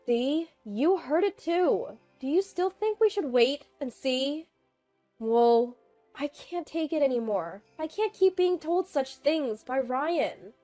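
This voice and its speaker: A woman's voice: high voice, animated, takes it slowly, warm tone, faint music behind, voice pushed up. A woman voicing an upset young mother who speaks in a strained, hurt way.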